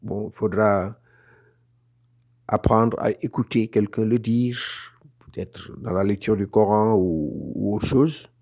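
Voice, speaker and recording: Slow and fairly low-pitched, a man teaches Quran recitation online, taking his students through it step by step. He stays encouraging and gently reassuring, patiently saying each sound again and again.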